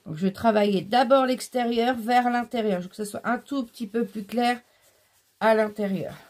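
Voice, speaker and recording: A woman's voice: on the high side, normal speed, a little mellow. A woman hosting a casual craft tutorial, explaining each step while she works, with frequent fillers. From France.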